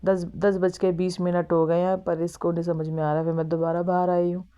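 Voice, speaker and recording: A woman's voice: fairly low pitch, little pitch movement, fairly quick, warm tone, clean tone. A young woman, a mother, narrating her morning at home in a chatty, exclaiming vlog style, talking straight to her viewers. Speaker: vlogger and mother. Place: at home, moving between rooms and outside.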